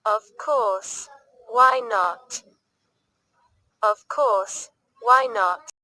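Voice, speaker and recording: A woman speaks very slowly in a bright, pointed voice, a little higher than most. She reads short phrases for learners and repeats each one with careful clarity. The sound is dry and close, with no room around it. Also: dry recording. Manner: reads each sentence twice, clearly and deliberately. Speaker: English teacher.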